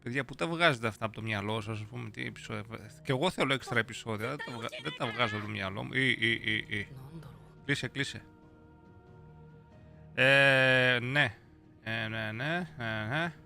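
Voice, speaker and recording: A man's voice: mid-range voice, gravelly, pushed and bright. A young man hosting a casual live stream, playful and slangy, chatting with viewers and reading their messages aloud. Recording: faint music behind.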